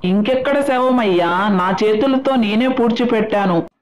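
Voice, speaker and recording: A woman voicing a dramatic old village grandmother who talks loudly through tears. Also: medium pitch, moderate pace, natural voice, rough recording. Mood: wailing, grieving. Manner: loud, wailing, tearful.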